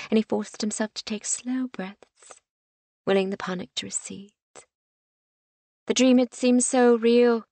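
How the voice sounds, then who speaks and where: A woman reading a historical novel aloud as an audiobook narrator, in a measured storytelling manner that softens to a hush in quiet passages. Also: mid-range voice, creaky, no room sound.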